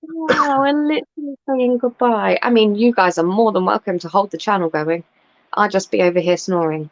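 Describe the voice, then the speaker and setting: A woman hosting her channel's live chat from home, speaking a little haltingly as she wraps up. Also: mid-range voice, dry recording, highs cut off. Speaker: channel host.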